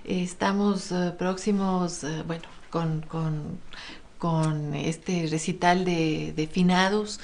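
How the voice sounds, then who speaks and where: A woman singer answering interview questions thoughtfully, pausing often with fillers. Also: lowish voice, fairly even intonation. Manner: thoughtful, hesitant with many fillers. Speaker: singer guest.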